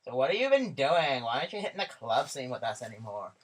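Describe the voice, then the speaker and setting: A woman's voice: a bass voice, big pitch swings, fast talker, far from the mic, full character voice. A woman voicing a breezy young party-loving girlfriend in a goofy sock puppet comedy, talking in casual slang. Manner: slangy, filler "like".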